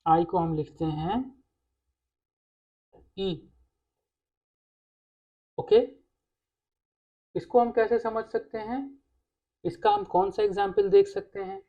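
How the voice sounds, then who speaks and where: A woman teaching a language lesson, explaining patiently and pausing on "okay" between points. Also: a little high, lively intonation, gravelly, mellow, dull audio. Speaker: French teacher.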